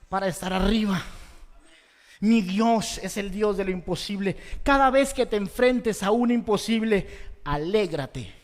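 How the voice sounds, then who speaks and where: A man preaching a sermon as pastor, swinging between loud exhortation and soft, slow emphasis, with rhetorical questions to the congregation. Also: sits high. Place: church hall. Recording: long reverb of a large church hall.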